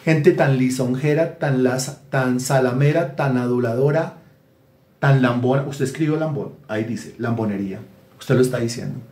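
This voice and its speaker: A man preaching a sermon as pastor, animated and mimicking people to make his point. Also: medium pitch, normal speed, echoey room.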